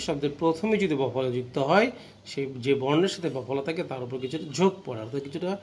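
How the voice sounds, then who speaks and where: A man with a Bangladeshi Bengali accent teaches a grammar lesson in a fairly high voice. He spells out each rule slowly, repeats it, and checks in with questions. A faint room ambience sits behind him. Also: slight background noise. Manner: explains slowly, repeats rules, asks the class questions.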